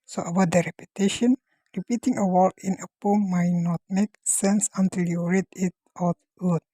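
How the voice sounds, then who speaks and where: Woman, student presenter, mellow tone, dry close sound, steady reading. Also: lowish voice, moderate pace, breathy edge, no room sound, low-quality recording. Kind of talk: class presentation read from notes.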